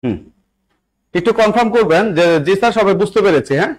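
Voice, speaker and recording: A man's voice: high-pitched, lively intonation, fast talker, rough recording. A young Bangladeshi man teaching an English spelling lesson to a live online class, repeating himself and checking often that everyone follows. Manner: repetitive, coaxing, keeps checking understanding. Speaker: English teacher for job exams.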